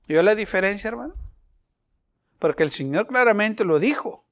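A man delivers a sermon in a fairly high voice. He asks his listeners questions and swings between loud emphasis and quieter stretches. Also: lively intonation, normal speed. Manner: preaching, rhetorical questions, shifting loud and soft. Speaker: pastor.

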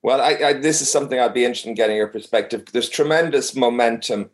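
A man interviewing someone conversationally, feeling his way through long questions with halting rephrasing. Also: medium pitch.

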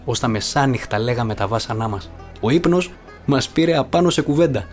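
Guy reading a book aloud, steady and calm, mid voice, faint guitar playing. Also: mid-range voice. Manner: measured storytelling, voicing characters. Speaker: audiobook narrator. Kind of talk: scripted narration of a book. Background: faint guitar music.

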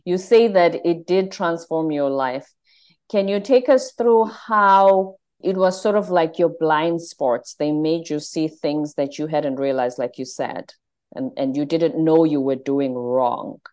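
A woman's voice: low-pitched, unhurried, a little mellow. A woman presenting and interviewing as the host of a podcast.

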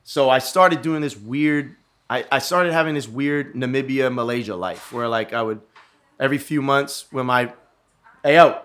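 A man's voice: medium pitch, normal speed, fairly bright tone. A man in casual conversation, rambling through a story with lots of swearing and restarts. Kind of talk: casual chat.

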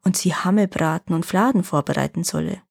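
A woman voicing a sly, poor old grandfather who flatters and feigns offense. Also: on the low side, a little fast, vocal fry. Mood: flattering. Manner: wheedling and flattering, then mock-offended.

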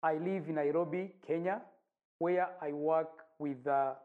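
A man, an evangelist giving a measured recorded sermon. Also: on the high side, fairly even intonation. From Rwanda. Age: 40s. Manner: measured, deliberate preaching with long pauses. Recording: dull lo-fi recording.

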